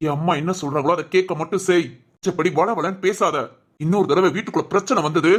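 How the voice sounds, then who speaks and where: Actor voicing a young husband, cartoon, stern, lecturing, Tamil village speech, mid pitch, quick. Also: steady tone, lightly acted. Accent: Tamil Nadu village speech. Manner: lecturing, commanding. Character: stern young husband who obeys his mother.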